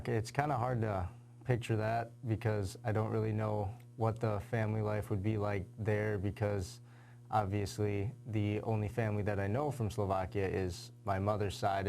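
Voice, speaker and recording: A young man, a high school athlete, answering interview questions casually with lots of fillers. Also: creaky, a little mellow, slight background noise. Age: young adult. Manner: casual, lots of "you know" and "kinda".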